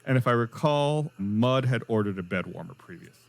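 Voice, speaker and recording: A man's voice: medium pitch, expressive, brisk, vocal fry. A man narrating as game master in a playful way, often breaking into laughter. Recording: faint music behind.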